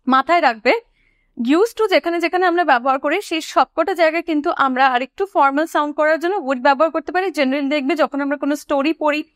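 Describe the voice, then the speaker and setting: A woman teaching an English lesson. She explains each point and asks her students questions, then slows down to say each English example sentence clearly. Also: high voice, no room sound, clean studio sound. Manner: asks the class questions, then answers them. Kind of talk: classroom explanation.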